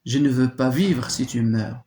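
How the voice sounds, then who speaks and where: A man's voice: mid-range voice, unhurried, dark tone, lightly acted. A man reading aloud the part of a young frightened sister who pleads, voice raised, in an echoey room. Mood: pleading.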